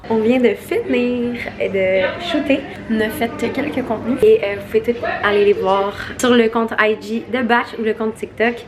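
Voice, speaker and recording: A woman's voice: a little high, little pitch movement, brisk, hardly any pauses, crowd noise. A young woman with a Québécois French accent, vlogging casually and mixing in English words. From Quebec. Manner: chatty, mixes in English words. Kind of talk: casual vlog.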